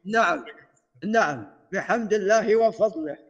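A man teaching a hadith class as sheikh, explaining in a measured way and reciting set formulas in a lowered voice. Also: lo-fi sound.

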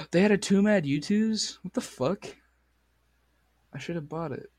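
A man hosting a podcast, chatting casually with crude, excitable banter while straining a sore voice. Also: sits high, a little slow, dry recording. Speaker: podcast host. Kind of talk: casual chat.

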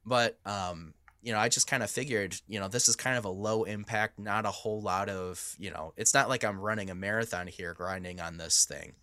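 A man hoarse from coughing, with a rough smoker's rasp, chatting informally as a co-host. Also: lowish voice, moderate pace, few pauses, pushed and bright, no room sound, studio quality. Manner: informal, sweary. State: hoarse after weeks of coughing. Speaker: podcast co-host, knife maker. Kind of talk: casual chat.

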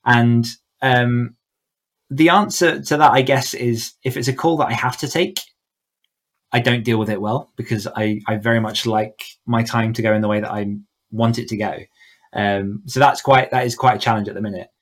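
A man with a mid-range voice talks at a moderate pace with fairly even intonation. As a podcast guest and author coach, he chats casually in an interview, explaining his thoughts reflectively.

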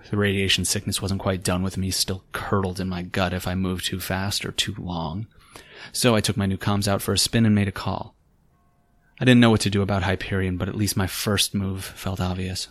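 A man playing a world-weary, sarcastic private detective in a noir audio drama, hardboiled, wry and stubborn. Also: low voice.

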